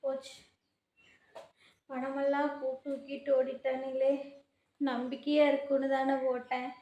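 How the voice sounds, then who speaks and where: A woman's voice: high voice, level tone, measured pace, echoey room, dull audio. A woman playing a poor mother who has lost her savings, pleading and lamenting in a home-made family skit.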